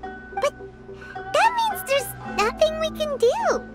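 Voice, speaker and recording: Very high, squeaky little fairy companion. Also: female voice, slow, full character voice. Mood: puzzled, thoughtful. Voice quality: squeaky, childlike. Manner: exclamatory, expressive. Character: small excitable floating fairy companion, childlike and naive. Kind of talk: video game voice acting. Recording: loud music behind the voice.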